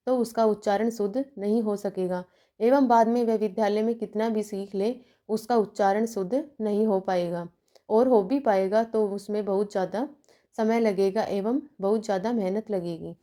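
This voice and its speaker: A woman's voice: mid-range voice, mellow. A woman giving a teacher-training lecture, working through numbered points with examples and checking in between them. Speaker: teacher educator.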